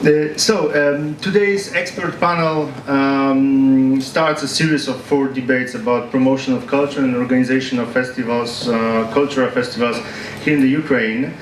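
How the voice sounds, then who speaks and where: A man from Poland moderating a culture panel in English, with many fillers and a halting delivery. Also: medium pitch, fairly even intonation. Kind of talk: hesitant spoken English at a panel. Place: event hall with audience. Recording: echoey hall, distant mic, noisy.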